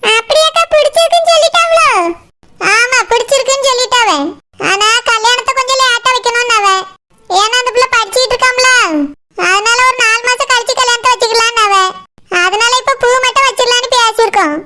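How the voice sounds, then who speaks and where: A woman's voice: very high-pitched, steady tone, a little fast, pushed and bright. A woman with a Kanyakumari Tamil accent voicing village characters in a coaxing, chatty way.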